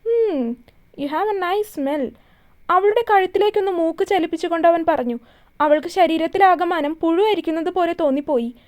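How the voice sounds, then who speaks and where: A woman storyteller narrating a romance story with a steady, dramatic reading. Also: very high voice.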